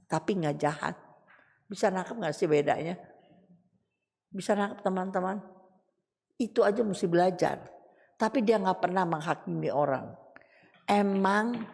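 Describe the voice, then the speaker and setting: A middle-aged woman from Indonesia teaching a sermon in a lively, colloquial way, shouting for emphasis and dropping into soft asides. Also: medium pitch, gravelly, in a large hall. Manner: animated, colloquial, shifts between loud emphasis and soft asides. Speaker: preacher.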